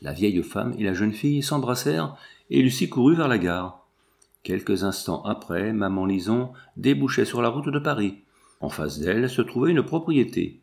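A man reading a classic novel aloud as a narrator, steady and measured. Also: fairly low pitch, creaky. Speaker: audiobook reader.

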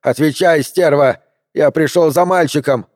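A man's voice: fairly high pitch, measured pace, a little mellow, dry recording, clean studio sound, voice pushed up. A male narrator voicing an angry, grief-stricken older man who barks harsh demands. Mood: furious.

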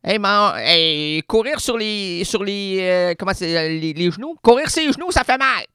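A man's voice: high-pitched, animated, normal speed, sharp tone, clear, resonant tone, no echo. A man with a Québécois accent, a radio columnist delivering a rambling, theatrical, absurdist comedic monologue in a studio. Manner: theatrical, rambling, playful wordplay.

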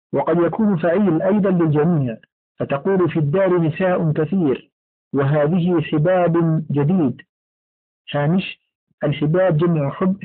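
Man, formal book reading, measured careful delivery, somewhat high pitch, tinny phone-line quality. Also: slightly rough. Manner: measured, careful enunciation, recites verse lines. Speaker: audiobook reader. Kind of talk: formal reading of a classical text. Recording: narrow phone-like lo-fi sound.

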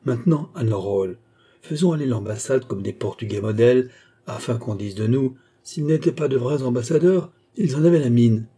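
A man's voice: medium pitch, animated, normal speed, mellow, breathy edge. A man reading as a cunning, sardonic swindler. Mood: scheming. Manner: scheming and mocking.

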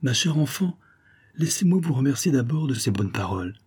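A man's voice: medium pitch, sing-song, brisk, darkish tone, husky, pitched above the performer's own voice. A man reading the part of a scheming, aging viscount in a suave, coaxing manner. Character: scheming aging male viscount, smooth and cunning.

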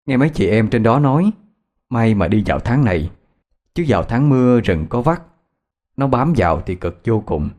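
A man narrating a ghost story as a lively, dramatic storyteller. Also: mid-range voice, moderate pace.

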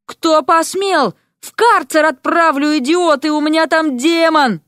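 A woman voicing an irritable male dean who grumbles and shouts through a door in a storybook reading. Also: sits high, unhurried, no room sound, studio quality, pitched above the performer's own voice. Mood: angry.

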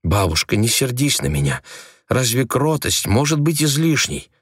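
A man voicing a gentle, meek young woman who pleads softly in a storybook reading. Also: medium pitch, very animated, moderate pace, breathy edge, no echo, clean studio sound, voice pushed up. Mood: pleading.

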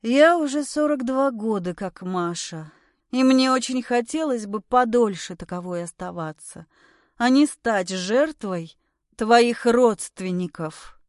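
A weary, cool-headed wife of forty-two, read by a woman, calm and cold in tone. She speaks slowly and a touch high, in dry, close sound. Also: dry recording.

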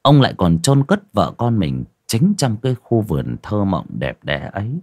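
A man tells a story in a measured, expressive way. His voice sits very low yet moves in wide, lively swings of pitch. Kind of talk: scripted story narration.

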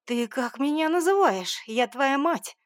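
A woman's voice: a little high, moderate pace, dry recording, studio quality, natural voice. A woman voicing a spiteful, scolding middle-aged mother in an audiobook, talking sharply and with scorn. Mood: angry.

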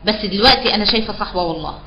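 In a live online Quran recitation class, a woman with an Egyptian Arabic accent patiently explains, repeating key terms back as questions. Her medium-pitched voice races along, and the recording is muffled.

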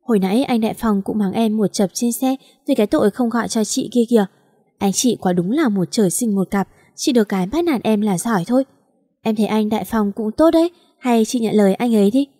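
A woman voicing an impulsive, chatty young woman who talks in an emotional, rapid, complaining way. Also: fairly high pitch, dark tone, no echo, clean studio sound, lightly acted.

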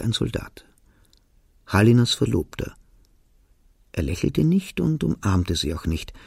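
Gravelly, husky male novel reader. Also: fairly low pitch, dry recording, clean studio sound. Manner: quiet, measured first-person storytelling. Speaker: narrator. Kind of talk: literary reading of a novel. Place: radio studio.

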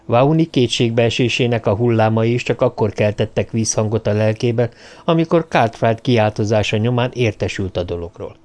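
Guy reading a novel aloud, steady and even storytelling. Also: medium pitch. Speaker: audiobook narrator. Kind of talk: scripted narration.

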